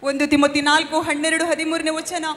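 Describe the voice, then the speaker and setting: A woman's voice: high voice, little pitch movement, brisk, fairly bright tone. A woman playing a devout mother in a church stage skit, wailing and lamenting, then preaching to her daughter. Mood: admonishing. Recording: echoey hall, stage mic.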